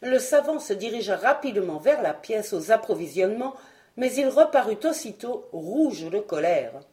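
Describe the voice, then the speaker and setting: A woman's voice: medium pitch, big pitch swings, normal speed, mellow. A woman reading a novel aloud as an audiobook, narrating expressively in the first person. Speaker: audiobook reader.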